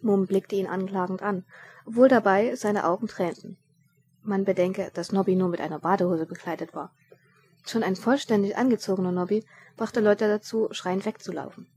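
Female storyteller, lively audiobook narration, plain voice. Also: medium pitch, moderate pace. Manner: lively storytelling with small slips.

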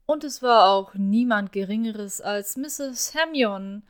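A woman's voice: medium pitch, slow pace. Woman reading a story aloud. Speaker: narrator. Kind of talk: fan fiction audiobook reading.

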